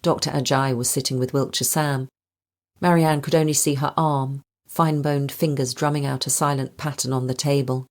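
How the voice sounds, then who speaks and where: Woman narrator, audiobook, very deep voice, measured and even delivery. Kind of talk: scripted narration.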